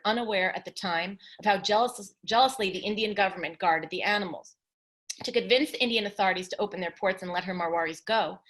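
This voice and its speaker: A woman author reads a passage of her nonfiction book aloud, her voice sitting at a mid-range pitch. She keeps a measured, literary pace through the text and drops now and then into brief casual asides. The sound comes through a video call. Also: a bit bright. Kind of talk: reading a nonfiction excerpt aloud.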